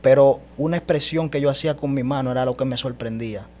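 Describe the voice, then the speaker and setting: A man giving an animated personal testimony as a guest, speaking emphatically and often calling the host brother. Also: mid-range voice, fast. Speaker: guest telling his testimony.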